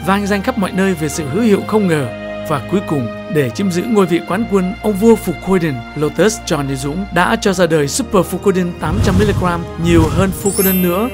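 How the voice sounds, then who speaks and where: A man giving a scripted commercial voice-over in a grand, promotional delivery. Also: sits high. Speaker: ad announcer. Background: music.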